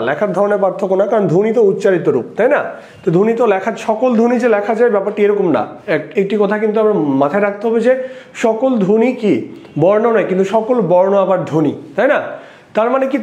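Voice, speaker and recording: High-voiced man, rapid exam-prep lecture, rhetorical questions, roomy echo. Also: a little mellow, lo-fi sound. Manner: asks rhetorical questions and repeats key points.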